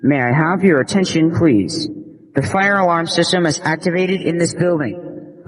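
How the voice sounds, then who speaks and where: Man's recorded fire alarm evacuation announcement. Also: on the high side. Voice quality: calm, measured, formal delivery. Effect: prerecorded fire alarm evacuation announcement played over a building speaker. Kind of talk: scripted emergency announcement. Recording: long reverb from an alarm speaker.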